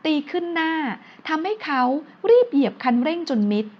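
A woman narrates a romance novel with a steady storytelling delivery. Her voice is high-pitched. The recording sounds dull and lo-fi. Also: normal speed.

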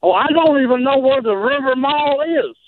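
A woman's voice: high voice, animated, moderate pace, dry recording. A woman answering a prank call over the phone, talking bluntly and repeating herself. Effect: heard over a phone line. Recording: tinny phone line.

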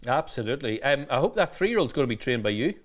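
A man hosting a podcast chat, brisk and dropping short agreeing murmurs. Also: mid-range voice, very animated, music in the background. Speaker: podcast host. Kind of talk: casual chat.

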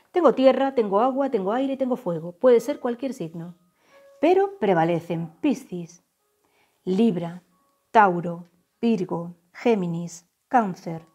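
Soft-spoken woman reading tarot, warm and breathy. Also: mid-range voice. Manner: slow, soft, drawn-out channeled phrases. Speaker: tarot reader. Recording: faint background music.

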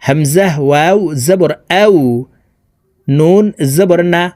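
Man, Quran reading teacher, high voice, slow drawn-out spelling, dry sound. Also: a little mellow, no echo. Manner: slow, drawn-out syllable-by-syllable spelling with melodic recitation. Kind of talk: spelling out and chanting verses.

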